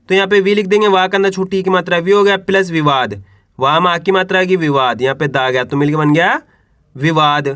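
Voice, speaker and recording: A man teaching Hindi spelling, sounding out each syllable slowly and asking the class to repeat the word. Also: high voice, a bit bright, dry recording, clean studio sound. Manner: spells out syllables slowly, then asks "what will we read?". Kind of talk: slow spelling lesson for children.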